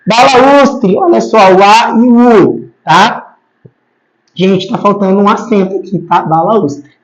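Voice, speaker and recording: A teacher explains grammar rules at a board patiently, repeating each rule and checking in with the class. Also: medium pitch. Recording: slightly dull lo-fi recording.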